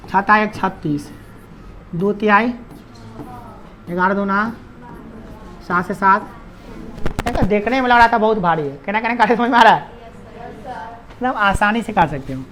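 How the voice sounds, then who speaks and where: A man's voice: high voice, pushed and bright, slight background noise. A man teaching a maths class with a Bihari Hindi accent, talking with his students in a chatty, teasing way and cracking jokes between steps. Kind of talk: classroom lesson.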